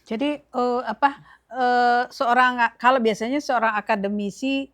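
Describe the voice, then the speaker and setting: A woman's voice: fairly high pitch, fairly even intonation, unhurried, a bit bright. An older woman hosting a casual interview, speaking hesitantly with many fillers and murmured agreement. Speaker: host.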